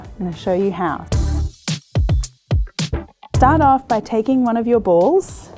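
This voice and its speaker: An Australian woman in her thirties hosts a cooking show, talking through a recipe one step at a time. Her mid-range voice has a dark tone, and she sounds encouraging and easygoing, laughing readily as she demonstrates.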